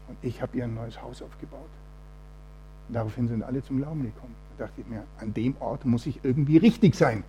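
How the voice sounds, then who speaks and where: A man's voice: medium pitch, warm tone, slightly rough. A man giving a testimony sermon in church, telling his story with quoted voices acted out and reading a Bible passage aloud.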